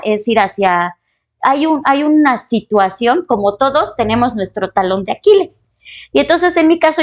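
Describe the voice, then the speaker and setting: A woman with a Mexican Spanish accent, a spiritual therapist speaking as a guest in an expressive, emphatic podcast interview. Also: fairly high pitch. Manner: expressive and emphatic, with exclamations and repetitions.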